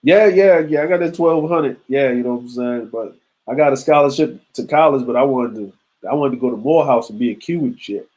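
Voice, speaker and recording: A man's voice: medium pitch, a little fast, a little mellow, poor audio. A man around forty hosting a live stream, talking loosely and conversationally with slang and asides to his chat. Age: 40s. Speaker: show host. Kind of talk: casual live-stream commentary.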